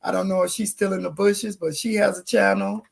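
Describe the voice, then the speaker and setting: Hoarse gravelly woman hosting a livestream. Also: medium pitch, fairly even intonation, brisk, crowd noise. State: hoarse, losing her voice. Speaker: livestream host. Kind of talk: casual livestream chat.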